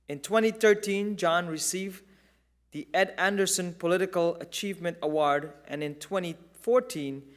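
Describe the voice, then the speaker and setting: A male presenter reads a scripted introduction in a measured, formal way. His voice sits a bit high. He keeps an even, ceremonial pace. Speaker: event presenter.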